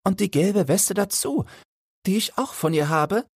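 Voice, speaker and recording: A man's voice: high voice, lively intonation, measured pace, vocal fry, breathy edge, dry recording, studio quality, pitched above the performer's own voice, heavily acted. A man voicing Felix, a young goldsmith apprentice, fearful and pleading in a fairy-tale audiobook. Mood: anxious, pleading.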